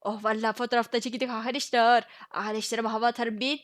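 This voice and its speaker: Woman, gameplay commentary, rapid chatty delivery, higher pitch. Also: flat delivery. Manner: chatty, joking, playfully grumbling. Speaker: gaming video creator.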